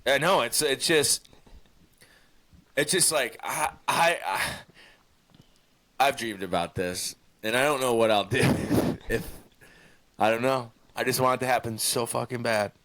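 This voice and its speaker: Excitable young man rambling about sports. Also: medium pitch, measured pace, long pauses. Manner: excitable, rambling, frequent restarts and swearing. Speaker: podcast co-host. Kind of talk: casual sports podcast chat.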